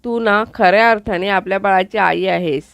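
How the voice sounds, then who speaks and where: A woman's voice: mid-range voice, steady tone, moderate pace, vocal fry, fairly bright tone, no echo. A woman voicing an easygoing, affectionate young husband in a TV serial recap, in her own voice. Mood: placating.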